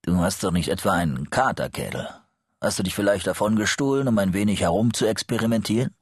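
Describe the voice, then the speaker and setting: A man voicing a middle-aged male psychologist in an audiobook, speaking smoothly, evenly and with quiet insistence. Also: on the low side, fast, dry recording, studio quality. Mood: probing. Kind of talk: audiobook character reading.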